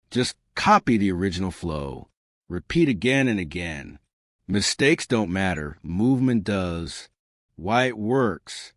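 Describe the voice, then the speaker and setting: A man giving scripted English lessons in short, emphatic, measured phrases. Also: on the low side, dry recording, clean studio sound. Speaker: English pronunciation teacher. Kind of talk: scripted instructional narration.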